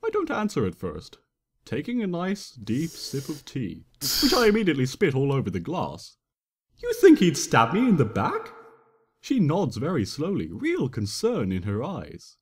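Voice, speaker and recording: Here the fan fiction reader's voice is on the high side and rises and falls enormously while he keeps a moderate pace. He tells the first-person story with playful, trickster-like theatrics, in a room that echoes for a long time.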